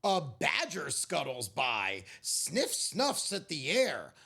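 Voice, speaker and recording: Very animated, slow woman storyteller. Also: deep voice, vocal fry, husky. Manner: expressive, drawn-out dramatic phrasing. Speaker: children's storyteller. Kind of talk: animated picture-book read-aloud with asides to young children.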